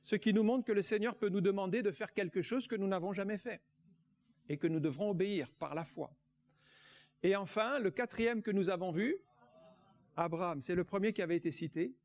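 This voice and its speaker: Guy preaching a sermon, pretty high voice, leans hard on words and slows way down on the big ones. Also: a little mellow. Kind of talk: sermon with Bible reading.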